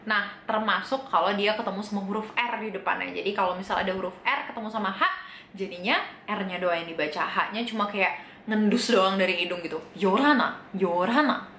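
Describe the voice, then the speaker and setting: A woman's voice: mid-range voice, steady tone, pushed and bright, slight background noise. Chatty woman teaching Korean, echoey room. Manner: chatty, asks the viewer questions and answers them; repeats each Korean word slowly. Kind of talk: casual video lesson on reading Korean.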